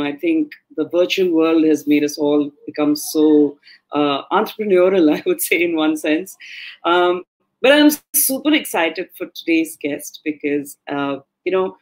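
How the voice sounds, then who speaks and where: A woman's voice: low-pitched, expressive, measured pace, darkish tone. A woman hosting an online interview forum, gushing and effusive with her guest. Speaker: forum host.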